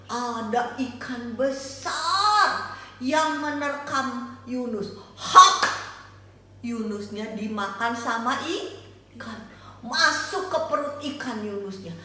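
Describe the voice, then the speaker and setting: A woman's voice: a little high, lively intonation, slow, pushed and bright. An older woman teaching Sunday school, telling a Bible story animatedly, asking the children questions and singing snippets. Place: church hall. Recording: echoey church hall, from far off.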